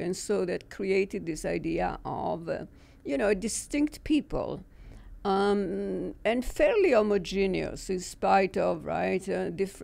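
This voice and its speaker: An older woman, a history professor, answering thoughtfully in a studio with frequent pauses and fillers. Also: fairly low pitch, creaky, darkish tone. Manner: thoughtful, with many hesitations. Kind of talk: conversational expert answer. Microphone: boom mic with headphones.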